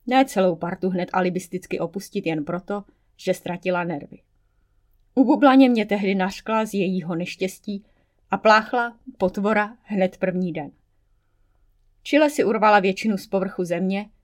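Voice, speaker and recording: Woman narrating an audiobook, wry first person. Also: medium pitch. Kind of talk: scripted narration.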